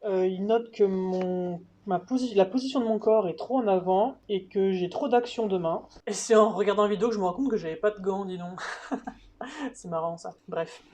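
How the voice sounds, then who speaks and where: Mellow-voiced woman listing scores. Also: medium pitch, fairly quick, few pauses, slight background noise. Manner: methodical, listing scores one by one; casual, with fillers. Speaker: horse rider vlogger. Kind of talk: voice-over commentary on a dressage test.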